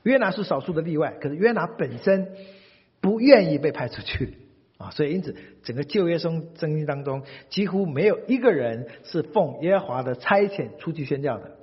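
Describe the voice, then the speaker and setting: A man preaching a sermon in a lively, humorous way, acting out the people he quotes. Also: on the high side, normal speed, husky. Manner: animated, humorous, acts out quotes. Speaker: pastor. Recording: dull recording, long hall reverb.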